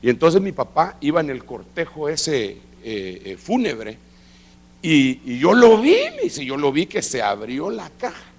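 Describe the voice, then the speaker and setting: A middle-aged man preaching, telling a testimony with lively acted-out dialogue. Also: on the high side, a little slow. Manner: animated storytelling, acting out quoted dialogue. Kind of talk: sermon testimony. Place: church service.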